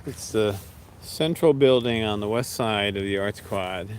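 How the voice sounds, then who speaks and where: A man chatting casually with viewers on a livestream, relaxed and rambling, talking to his pets now and then. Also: on the low side, measured pace, a little hiss or hum.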